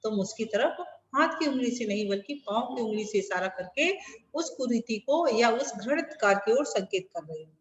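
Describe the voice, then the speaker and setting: A female teacher explains a Hindi lesson over a video call, posing rhetorical questions and repeating and rephrasing each point. Her fairly high voice has lively intonation at normal speed. The room is echoey with long reverb.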